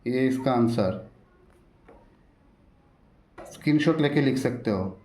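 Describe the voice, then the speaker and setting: A man's voice: mid-range voice, animated, slow pace, darkish tone. A man teaching an exam-prep lesson in a roadside coaching centre, often repeating himself and urging viewers to stay, recorded without a microphone. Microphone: no microphone, device's built-in mic. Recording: echoey room without a microphone. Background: occasional road traffic.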